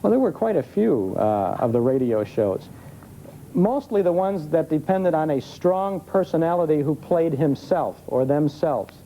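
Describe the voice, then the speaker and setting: A noisy vintage TV broadcast captures an American guest, an expert on old-time radio, in a live interview before a studio audience. He speaks in a fairly high, mellow and expressive voice, a little slowly, explaining things conversationally.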